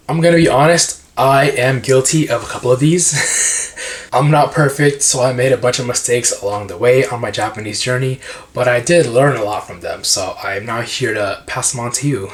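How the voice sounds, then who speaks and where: A man giving laid-back advice to language learners in a lively, slangy voice. He chats straight to the camera like he is talking to friends, with frequent laughs. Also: mid-range voice. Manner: energetic, slangy, laughs often. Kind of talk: casual educational video.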